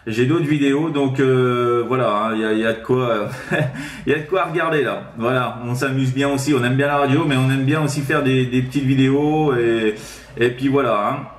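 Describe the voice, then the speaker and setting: An echoey room surrounds a man's mid-range voice as he makes casual radio contact from his sixth-floor flat, speaking at normal speed. As an amateur operator he repeats himself and tacks on frequent tag words.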